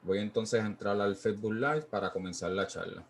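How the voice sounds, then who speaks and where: A man with a Puerto Rican Spanish accent hosting an online science talk over a video call, talking haltingly with many fillers. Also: lowish voice, a little hiss or hum. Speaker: host and education coordinator. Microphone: computer mic on a video call.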